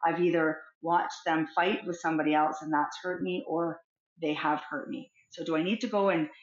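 A middle-aged woman, a counsellor, talking as a guest in an interview, speaking in a reflective, expressive way and acting out little everyday scenes. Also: low-pitched, normal speed. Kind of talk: conversational interview. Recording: roomy, dull lo-fi sound.

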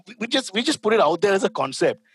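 A man's voice: sits high, big pitch swings, fast talker. A man with an Indian accent riffing jokily in casual chat, slipping between English and Hindi.

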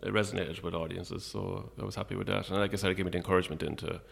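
Male, Irish midlands accent, very low gravelly voice, hesitant, low-key, casual interview chat. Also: steady tone, racing. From Longford, Irish midlands. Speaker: interview guest, playwright.

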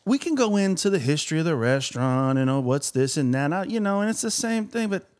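A man co-hosting a casual podcast chat, playful and hyped, giving shout-outs. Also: fairly high pitch, very animated, fairly quick. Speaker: podcast co-host.

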